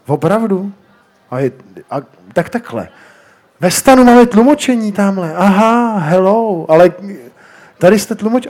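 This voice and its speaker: A man with a high, light voice hosts a festival panel outdoors. He is chatty and playful and keeps switching languages. He talks into a shared handheld microphone. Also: a little mellow. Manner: chatty, joking, switches between Czech and German. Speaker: panel moderator. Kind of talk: live festival panel moderation. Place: outdoor street festival stage.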